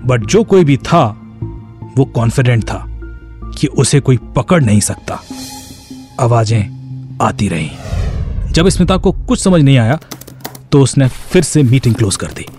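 A man's voice: mid-range voice, very animated, unhurried, long pauses, darkish tone, soft background music. A man narrating a scripted suspense story in a dramatic way.

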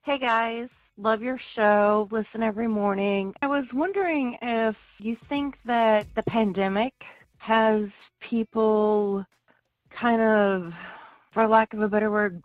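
Slow woman caller on a tinny landline. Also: medium pitch, no room sound. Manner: halting, searching for words. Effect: landline phone line. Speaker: caller leaving a voicemail. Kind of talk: casual voicemail message. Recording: tinny narrow phone line.

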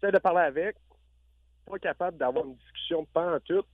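A man's voice: on the high side, a little fast. A man with a Québécois accent calling in to a radio show and telling a rambling story with quoted dialogue. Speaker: caller. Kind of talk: phone-in storytelling. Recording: tinny dry phone line.

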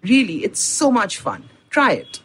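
A woman's voice: mid-range voice, wildly swooping pitch, unhurried, a bit bright, husky, rough recording. A woman with an Indian accent hosting a podcast, reading upbeat scripted stories with enthusiasm. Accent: Indian English. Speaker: podcast host.

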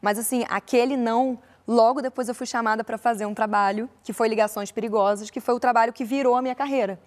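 A woman's voice: on the high side, steady tone, fast. A woman actress on a talk panel, telling a career story in a reflective way. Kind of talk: casual panel chat.

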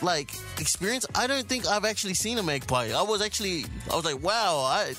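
Over a music bed, an adult man from South Auckland, New Zealand, hosts a radio show with casual, joking, slangy banter into a close studio mic. His voice is high-pitched, animated, brisk and sharp, with a New Zealand accent.

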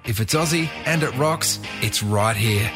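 A man's voice: mid-range voice, lively intonation, measured pace. A man voicing a scripted radio promo with a punchy, emphatic delivery. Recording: voice-over with loud music bed.

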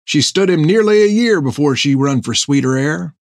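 A man voicing a gruff, folksy male ship's mate speaking in a rustic dialect. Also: fairly high pitch, animated, moderate pace, no echo, studio quality, pitched above the performer's own voice. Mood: teasing.

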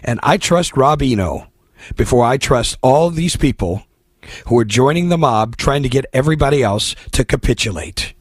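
An American man holds forth as a talk radio host, blunt and emphatic. His pitch moves widely as he exhorts his listeners, with a slightly rough, husky edge. The sound is dry and close. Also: no room sound. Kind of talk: opinionated talk radio monologue.

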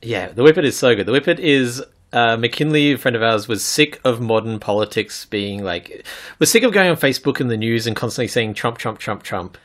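A man's voice: medium pitch, expressive, brisk. Male podcast host, Queensland Australian accent. Casual, candid, dryly funny, repeats words for emphasis. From Toowoomba, Queensland, Australia. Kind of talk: casual chat.

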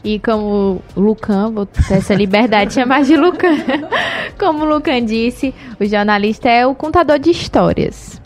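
A woman's voice: on the high side, moderate pace, hardly any pauses, darkish tone. A woman hosting a podcast, asking her guests questions in a friendly, curious way. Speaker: podcast host. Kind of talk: interview questions.

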